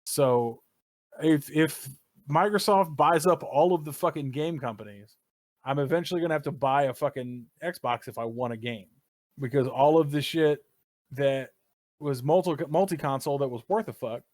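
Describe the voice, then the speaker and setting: A man co-hosts a gaming podcast in an easy, casual way, opinionated and animated, and he swears freely. His voice sits in a middle range. It is recorded close and dry with no room sound. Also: medium pitch, normal speed, no echo. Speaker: podcast co-host. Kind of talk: casual chat.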